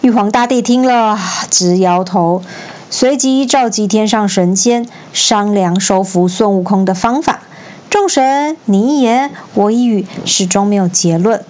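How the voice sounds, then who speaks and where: A woman storyteller reading a children's classic aloud in an expressive, lively manner. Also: medium pitch, unhurried, dull audio.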